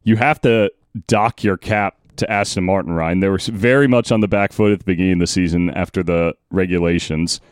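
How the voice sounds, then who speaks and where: A man chats casually about sport as a podcast host. His voice is low and resonant. It is recorded close and dry. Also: fairly quick, smooth, no echo.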